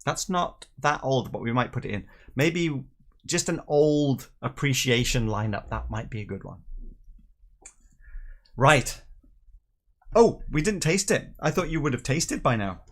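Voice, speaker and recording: A middle-aged man from Northern Ireland and England hosts a live tasting show, chatting casually and jokily as he reads out viewer comments. His medium-pitched voice is very animated, though his pace is measured and he leaves long pauses. It's relaxed livestream chat.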